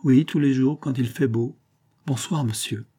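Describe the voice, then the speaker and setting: A man's voice: mid-range voice, unhurried, natural voice. A man voicing a spirited young country woman with city schooling who speaks boldly and playfully. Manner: lively, bold, playful. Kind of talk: audiobook character reading.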